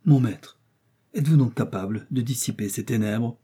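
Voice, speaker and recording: A man's voice: mid-range voice, moderate pace, warm tone, husky. A man voicing a loyal young manservant who speaks earnestly and respectfully to his master.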